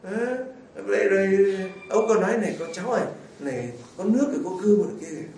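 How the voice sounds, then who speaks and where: A man's voice: sits high, fast, gravelly, darkish tone, a little hiss or hum. A man preaching a homily as a priest, telling stories in a folksy way and asking his listeners rhetorical questions. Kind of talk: sermon. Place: church. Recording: echoey church from far off.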